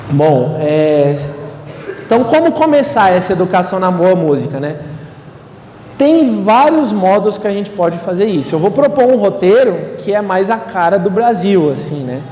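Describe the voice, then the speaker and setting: A young Brazilian seminarian gives a conversational lecture to a live audience in a lecture hall, often tagging sentences with "né?". His warm, high-pitched voice swings widely in pitch at a normal pace, and the distant mic catches hall echo and faint room noise.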